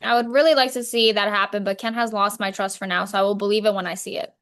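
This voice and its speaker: A woman's voice: mid-range voice, fairly even intonation, fast talker, fairly bright tone, natural voice. A woman playing a worried, fed-up wife in a counselling role-play, speaking firmly and plainly. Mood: guarded.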